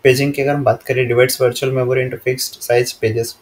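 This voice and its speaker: An Indian man teaches from slides in a plain, even voice that hardly rises or falls. He reads each English line slowly, then explains it at a steady classroom pace. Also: medium pitch.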